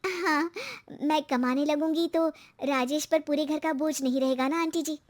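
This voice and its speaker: A woman voicing a hopeful young wife in a cartoon story who talks in a bright, chatty way. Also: high-pitched, steady tone, moderate pace, pitched above the performer's own voice, natural voice. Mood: confiding.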